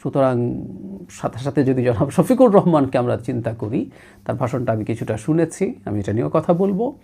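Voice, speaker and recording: A man's voice: medium pitch, expressive, moderate pace, vocal fry, warm tone, husky. A middle-aged man, giving a political commentary monologue in an analytical way and mixing English words into his talk. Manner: analytical, mixes English words and phrases into Bengali.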